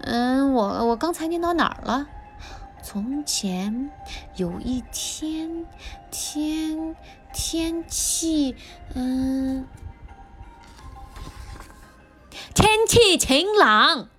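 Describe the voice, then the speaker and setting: A woman voicing an excitable, hot-tempered little boy frog in a children's storybook reading, calling out loud and whiny. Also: sits high, normal speed, hardly any pauses, faint music behind. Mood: sheepish. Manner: loud, whiny, indignant shouting.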